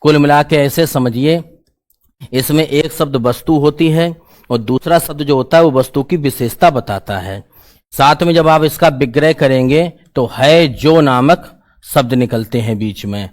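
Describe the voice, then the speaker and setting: A male teacher, giving an exam-prep grammar lesson in a casual, repetitive questioning style. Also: medium pitch. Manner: explains in a casual, colloquial style, asks questions and repeats the answers.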